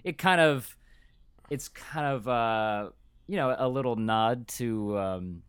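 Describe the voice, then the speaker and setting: A man co-hosting a podcast, talking casually in a relaxed, thoughtful way on a close mic. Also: mid-range voice, slow pace, smooth, no echo. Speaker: podcast co-host. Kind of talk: casual chat.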